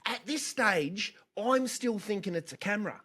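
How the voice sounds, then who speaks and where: A young Australian man telling a story on a podcast, animated, laughing and swearing as he goes. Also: high voice, normal speed, breathy edge. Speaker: podcast co-host. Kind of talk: casual storytelling chat.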